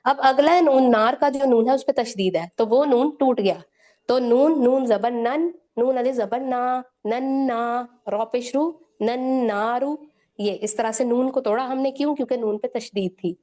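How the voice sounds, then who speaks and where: A woman runs a recitation lesson with patient, step-by-step explanations. Her voice sits a little high but sounds mellow and soft-edged. She spells out letters, repeats words slowly and keeps checking that her students follow. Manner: frequent checking "theek hai". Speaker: Quran tajweed teacher.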